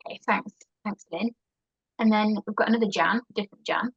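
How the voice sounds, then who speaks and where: A woman's voice: medium pitch, brisk, gravelly, slightly rough, no echo, muffled recording. A woman moderating an online session, reading out audience questions politely and briefly, with hesitant fillers.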